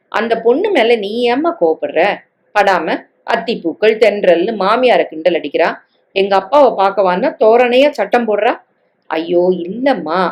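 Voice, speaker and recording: A woman with a Tamil accent reads a family novel aloud, unhurried and even-voiced at a middle pitch. She changes her tone for each character as the dialogue moves between them. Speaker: story reader.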